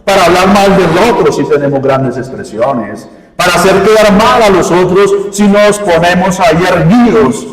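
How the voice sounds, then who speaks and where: A man's voice: high voice, animated, normal speed, few pauses, over a noisy crowd. A man preaching a homily as a priest, constantly quizzing his congregation with rhetorical questions. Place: church. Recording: echoey church hall from far off.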